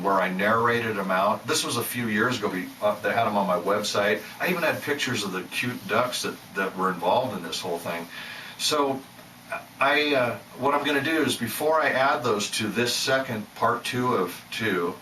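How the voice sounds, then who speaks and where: A man's voice: fairly low pitch, pushed and bright, reverberant, distant mic, poor audio. Host, man, restless self-doubting talker, set back from the mic with a faint room hum. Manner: rambling, self-doubting, many restarts. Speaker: channel host. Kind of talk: rambling casual monologue.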